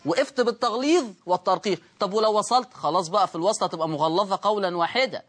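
A man with an Egyptian Arabic accent teaching a tajweed lesson. He explains slowly and draws out the recited words, and he asks the class questions that he then answers himself. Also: high-pitched, a bit bright.

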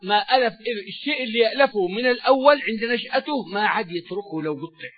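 A man giving a religious lesson, measured and explanatory, often repeating key words. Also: sits high. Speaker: Quran teacher. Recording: dull lo-fi recording with faint music.

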